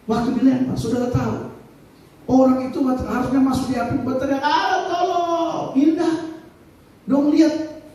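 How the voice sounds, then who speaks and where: A man preaching a sermon as pastor, animated and acting out the stories he tells. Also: very high-pitched, brisk, slight background noise. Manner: animated storytelling, acting out scenes. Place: church. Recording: echoey church hall, distant mic.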